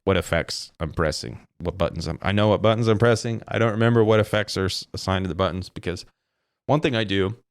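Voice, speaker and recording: A man's voice: deep voice, fast talker, clean tone, no echo, studio quality. A man hosting a casual solo podcast, rambling and swearing as he corrects himself on a desk mic. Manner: rambling, profane, self-correcting. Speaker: podcast host. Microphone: desk mic through a streaming interface.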